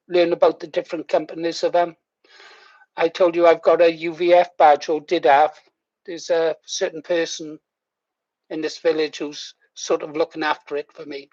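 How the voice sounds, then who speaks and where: A man's voice: on the high side, a little mellow. A man over sixty, chatting casually to viewers as he hosts a livestream. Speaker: livestream host. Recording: muffled, echoey room.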